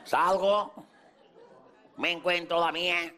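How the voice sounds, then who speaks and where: Casting: Mallorcan man, stand-up in character as a cocky latin lover, higher voice, bright and sharp, laughter behind. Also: steady tone, slow, a faint crowd. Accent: Mallorcan Spanish. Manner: boastful, playing a self-styled latin lover. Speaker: stand-up comedian. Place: café stage before a live audience. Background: audience laughter.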